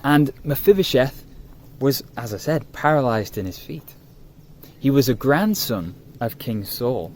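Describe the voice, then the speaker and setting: A man telling a Bible story to camera in an animated, conversational way. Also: mid-range voice, a little slow, slight background noise. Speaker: youth vlogger and interviewer.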